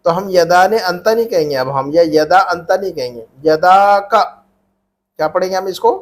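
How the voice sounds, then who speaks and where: A man's voice: high voice, lively intonation, moderate pace. A man teaching an Arabic grammar class, patiently repeating questions and prompting students to answer back. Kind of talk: classroom grammar lesson with call-and-response drilling.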